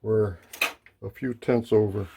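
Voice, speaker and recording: A man with a gravelly voice explaining machining step by step in short, casual phrases, as a machinist demonstrating at work. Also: fairly low pitch, fairly even intonation, slow, dull audio, noisy background. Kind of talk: casual hands-on shop explanation. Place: machine shop.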